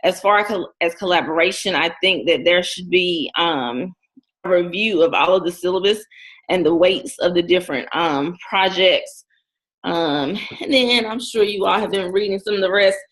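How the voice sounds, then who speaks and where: A woman student lays out her views one point at a time during a class discussion. She pauses on frequent ums between her points. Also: on the low side, a bit bright, low-quality recording. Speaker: student in an education course. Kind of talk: class discussion of a case study.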